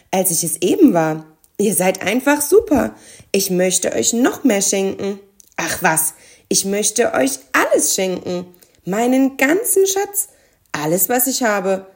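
A woman doing a booming, thundering frost giant. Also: very animated, measured pace. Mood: overjoyed. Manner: loud, dry-voiced exclamations. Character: huge shy-hearted male frost giant, booming. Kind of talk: storybook character voice.

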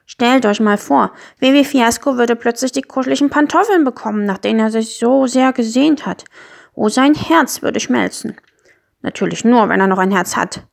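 A woman's voice: on the high side, normal speed, gravelly, pitched above the performer's own voice. A woman voicing a small, sad young grumpy magic creature in a storybook reading, plaintive and sighing. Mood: wistful.

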